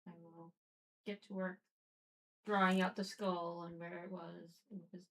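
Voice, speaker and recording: A woman playing in a tabletop game who speaks haltingly and earnestly, filling her pauses with "um". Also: on the low side, little pitch movement, gravelly, a bit bright, low-quality recording. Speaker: player.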